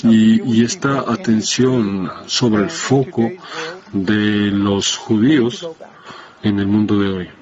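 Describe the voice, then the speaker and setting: A man giving a spoken testimony in a halting, hesitant way, breaking off and restarting his sentences. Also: lowish voice, steady tone, crowd noise. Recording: dull lo-fi sound.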